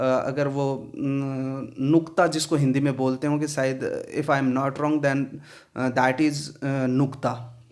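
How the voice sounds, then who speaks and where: A man teaching pronunciation in Hindi, explaining slowly, repeating words and often asking if it is clear. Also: on the high side. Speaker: English teacher. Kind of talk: pronunciation lesson.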